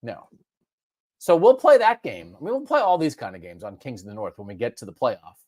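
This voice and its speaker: A man co-hosting a casual sports talk show, animated and jumping up in pitch to stress points. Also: fairly quick, dry recording. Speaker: co-host.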